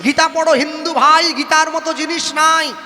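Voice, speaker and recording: A man's voice: very high voice, steady tone, normal speed, bright, forceful tone. A man preaching a devotional sermon in an impassioned, sing-song manner, breaking into chanted verses. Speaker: kirtan preacher. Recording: echoey hall, faint music behind.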